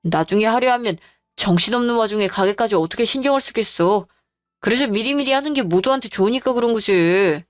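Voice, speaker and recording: A woman's voice: fairly high pitch, a little fast, dry recording, studio quality, faint music behind, natural voice. A woman voicing an evasive young husband in an audio drama, brushing off blame in a defensive tone.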